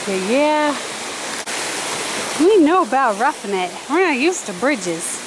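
Woman, fairly high voice, sing-song baby talk to a pet, handheld camera outdoors with rushing stream noise behind. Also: sing-song. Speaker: vlogger talking to her dog. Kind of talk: casual talk to a pet while hiking. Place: outdoors on a forest trail by a stream.

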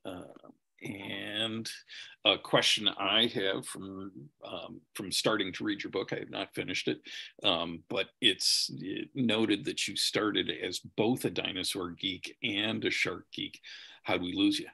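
A man's voice: low voice, fairly even intonation, a little slow, vocal fry, sharp tone, slightly rough. A middle-aged man hosting a video Q&A, reading out audience questions with many hesitant ums. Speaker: host. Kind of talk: moderating a video Q&A.

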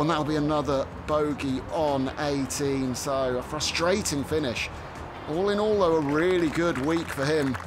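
A man working as a golf commentator, calling highlights of a tournament round.

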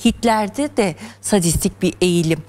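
A woman's voice: mid-range voice, animated, moderate pace, darkish tone. A woman explaining psychology terms step by step as a guest on a television talk show. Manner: earnest, lecturing, explains step by step. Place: television studio.

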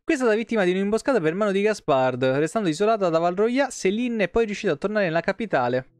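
This male streamer has a high-pitched voice on a dry recording, reading game lore from a small room at home. His delivery is casual and full of swearing, with the occasional stumble he corrects mid-read. Quiet music hums behind him.

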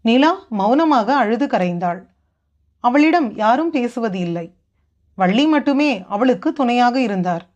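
A woman narrating a novel in steady, even storytelling as an audiobook reader. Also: fairly high pitch, measured pace. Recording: dull lo-fi recording.

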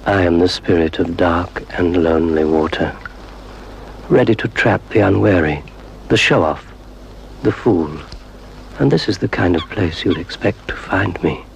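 A gravelly sinister water spirit. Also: male voice, slight background noise, poor audio. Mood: menacing. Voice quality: deep gravelly voice. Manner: slow, measured, gloating menace. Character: sinister hooded male water spirit, cold and menacing. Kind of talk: public information film narration.

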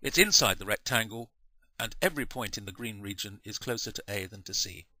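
A man explaining a maths lesson in a patient, measured way, correcting himself now and then. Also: fairly low pitch, expressive, pushed and bright, no echo. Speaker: maths teacher.

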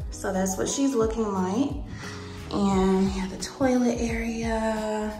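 This is a casual vlog: a young woman with a medium-pitched voice shows viewers around an empty apartment, including the kitchen and bare rooms. She addresses them directly and with lots of energy, full of "y'all" and "honey." It's shot on a handheld phone camera while she walks, and the empty rooms echo with long reverb.

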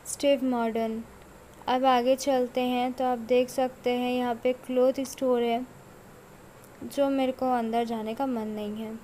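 A woman's voice: fairly high pitch, dark tone, slight background noise, rough recording. A young woman vlogger giving a casual walking tour of a large indoor mall, filming on a handheld phone and pointing things out again and again.

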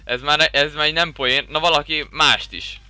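A young man giving casual, excitable commentary while playing a game, breaking into loud swearing exclamations. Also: fairly high pitch, clear, resonant tone, no room sound, soft background music. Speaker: Minecraft server streamer.

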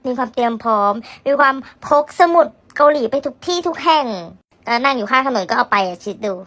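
A woman vlogger chatting casually to viewers, gossipy and blunt, with rough slang and frequent laughter. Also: sits high, a little fast, sharp tone. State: tired, red-eyed. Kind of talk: casual chat.

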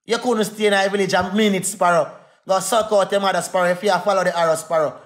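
A man rants angrily on a phone livestream in a high, steady voice with a Jamaican Patois accent. The fast, heated tirade repeats its insults over and over.

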